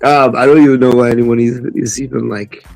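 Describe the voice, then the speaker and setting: A man in casual chat, blunt, slangy and quick to swear. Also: mid-range voice, steady tone, vocal fry, darkish tone, dry recording, faint music behind, low-quality recording. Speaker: stream guest.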